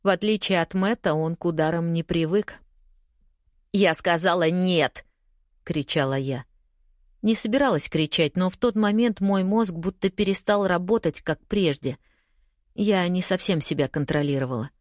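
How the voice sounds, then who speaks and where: Woman, audiobook narrator, first person, lowish voice, measured, dry close recording. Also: darkish tone, no echo.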